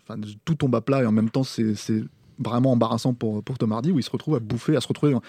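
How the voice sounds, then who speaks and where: A man who is a film critic on a podcast, talking through a review in a casual, halting way with frequent restarts and hesitations. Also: mid-range voice, steady tone, mellow, no room sound.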